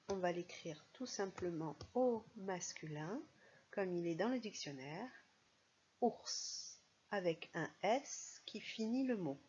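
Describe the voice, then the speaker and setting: A woman's voice: on the low side, a little mellow, highs cut off, a little hiss or hum. A woman teaching a primary school phonics lesson, speaking patiently and stressing each sound and syllable.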